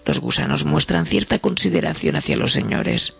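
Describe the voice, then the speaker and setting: A man voicing a sly male gravedigger who gently coaxes mourners in a read-aloud story, with a soft, persuasive, teasing manner. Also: a little high, wildly swooping pitch, moderate pace, creaky, husky, soft background music, pitched above the performer's own voice, exaggerated voice. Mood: musing.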